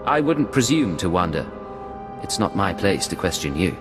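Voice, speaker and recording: Low-voiced, composed secret agent. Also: male voice, sing-song, music in the background. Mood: deferential. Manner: measured, controlled, formal. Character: composed, deferential male Imperial secret agent.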